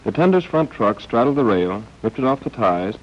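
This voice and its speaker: Here a man with a medium-pitched, sing-song voice speaks at normal speed. He is American, narrating a scripted 1940s training film in a dry, understated way; the voice-over comes from a dull, band-limited old film soundtrack.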